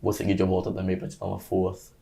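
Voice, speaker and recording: A man's voice: deep voice, monotone, fast, gravelly, warm tone. A man with a lisping, slushy s, speaking informally as a preacher and guest on a debate podcast. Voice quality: lisp, tongue-tied slushy s.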